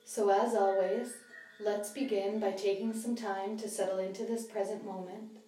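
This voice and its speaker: With music playing behind her, a woman leads a body scan meditation, her soft, mellow, mid-range voice showing little pitch movement. She offers gentle instructions separated by long pauses, recorded in a roomy space a little distant from the mic.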